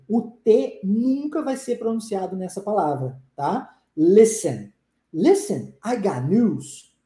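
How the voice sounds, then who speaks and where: A woman's voice: mid-range voice, mellow, roomy sound. A woman with a Brazilian Portuguese accent teaches English in a live-stream lesson, reading out viewer comments, upbeat and repeating phrases for students to drill.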